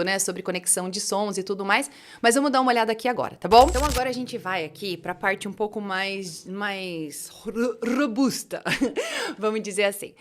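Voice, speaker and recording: Chatty woman teaching English slowly. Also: on the high side. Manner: chatty, encouraging, drills phrases slowly for students to repeat. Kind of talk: casual online English lesson.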